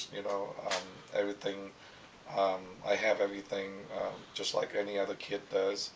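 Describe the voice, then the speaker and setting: Halting low-voiced middle-aged man. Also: a little hiss or hum, rough recording. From Vietnam. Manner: halting, many ums and uhs. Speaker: interviewee. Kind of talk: recorded oral history interview.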